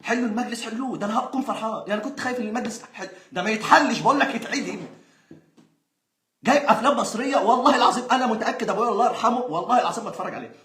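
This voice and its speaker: A man's voice: high voice, rapid-fire, hardly any pauses, bright, forceful tone. A young Egyptian man, a football fan, ranting in exasperation and sarcasm, sometimes laughing. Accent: Egyptian Arabic. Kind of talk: angry ranting monologue. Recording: roomy echo.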